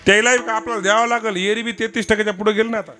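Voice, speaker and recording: High-voiced Marathwada preacher teasing a crowd. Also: male voice, little pitch movement, very fast, sharp tone. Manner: teasing, questioning the crowd, prodding women to answer. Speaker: kirtan preacher. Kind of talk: devotional kirtan sermon with audience questions. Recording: live event with instrument music behind. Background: musical instruments.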